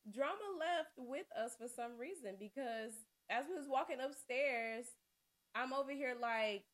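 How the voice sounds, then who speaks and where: A young woman co-hosting a podcast, telling a story in casual chat, profane and quick to laugh, acting out what her friends said. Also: high-pitched. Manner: animated, acts out quoted friends. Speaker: podcast co-host.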